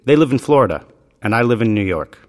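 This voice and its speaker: A man reading scripted dialogue lines for a language lesson in a clear, even delivery. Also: medium pitch, fast talker. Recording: reverberant room.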